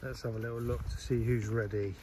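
A man's voice: medium pitch, flat delivery, fairly quick. Middle-aged man, chatty rambling vlogger, handheld camera at arm's length, faint outdoor noise behind. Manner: chatty, rambling, often restarting sentences. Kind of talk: casual walking vlog chat. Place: outdoors in a village and inside a small stone church.

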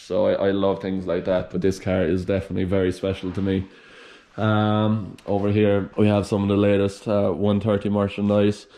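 A young man giving a relaxed, chatty vlog tour of his workshop, filmed on a handheld camera at arm's length. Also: fairly low pitch. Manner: relaxed, chatty, lots of fillers. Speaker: vlogger. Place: large indoor workshop garage.

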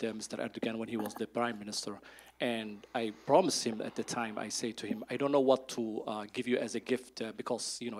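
Earnest man from Somalia speaking from the floor. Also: medium pitch. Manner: earnest, grows emphatic. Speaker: audience member. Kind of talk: speech from the floor. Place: conference hall.

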